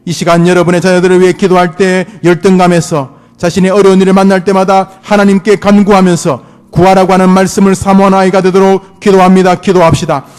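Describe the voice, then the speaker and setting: A pastor leading a fervent prayer, repeating pleas and swelling loud before dropping to murmurs. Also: male voice, high-pitched, flat delivery, fast, clean tone. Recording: organ music behind. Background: organ music.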